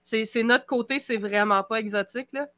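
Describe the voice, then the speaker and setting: A woman's voice: fairly high pitch, fairly quick, fairly bright tone, no room sound. A woman from Quebec with a Québécois accent, a guest chatting casually with friends on a podcast over a video call. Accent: Québécois French. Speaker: podcast guest, intuitive witch. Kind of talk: casual group chat.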